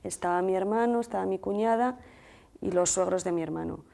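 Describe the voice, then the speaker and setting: Woman with a mellow, dark voice, from Madrid. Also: medium pitch, vocal fry. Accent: Spanish from Madrid. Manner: measured, detailed retelling with quoted dialogue. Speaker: guest, sister of the deceased. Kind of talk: emotional first-person account in a TV interview.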